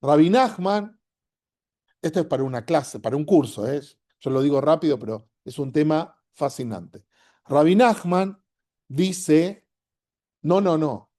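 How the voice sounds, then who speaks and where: A man's voice: on the high side, lively intonation, a little slow, warm tone. A man with a Rioplatense Spanish accent teaching a class as a rabbi. He talks in a conversational way, often checks in with "¿sí?", and acts out the inner voices he describes.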